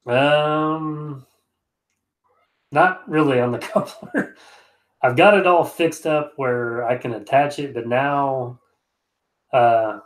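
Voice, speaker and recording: He takes things slowly, pausing often, his voice mid-range. A congested excavation contractor on a home livestream, he reads viewer comments with an easygoing, rambling manner and keeps restarting.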